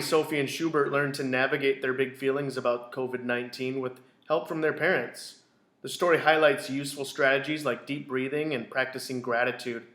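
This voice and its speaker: The sound is spacious and echoey, as though from a big indoor room. A male school storyteller reads a picture book for children in a mid-range voice, taking a careful, expressive storytelling approach.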